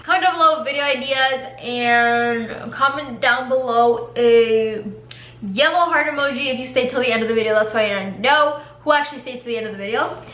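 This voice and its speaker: A teenage girl talks casually to her camera in a high, bright voice, slangy and full of "like". The room around her sounds roomy and echoey, with a faint hum behind. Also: normal speed, highs cut off. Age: teens. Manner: chatty, slangy, heavy use of "like". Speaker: vlogger. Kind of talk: casual mukbang chat to camera. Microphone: camera mic.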